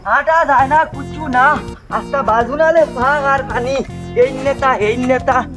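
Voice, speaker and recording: An actor with a Sylheti accent playing a greedy, shameless young son-in-law who whines, pleads and repeats himself. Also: male voice, very high-pitched, a little slow, music in the background. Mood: pleading. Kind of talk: regional comedy drama acting.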